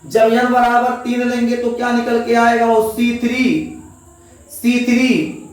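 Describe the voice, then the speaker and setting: A man's voice: very high-pitched, monotone, a little slow. A male teacher with a lilt gives a classroom chemistry lecture, coaxing students and repeating each answer back as a question. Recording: echoey room, voice from a distance.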